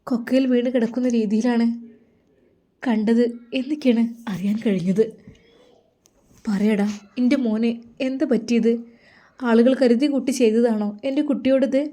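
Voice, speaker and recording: A woman's voice: fairly high pitch, warm tone, natural voice. Woman voicing a tearful mother. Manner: tearful, pleading, repeatedly calling her son. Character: grieving middle-aged mother, anxious and pleading.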